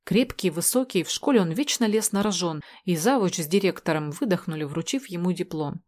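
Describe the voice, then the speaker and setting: A woman narrating a story in the first person in a steady, measured way. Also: on the low side. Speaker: audiobook narrator.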